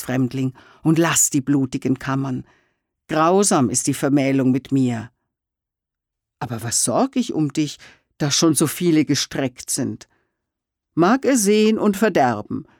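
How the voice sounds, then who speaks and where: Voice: mid-range voice, darkish tone, no room sound, studio quality, natural voice. A reader voicing a proud young huntress. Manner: solemn, declaiming verse.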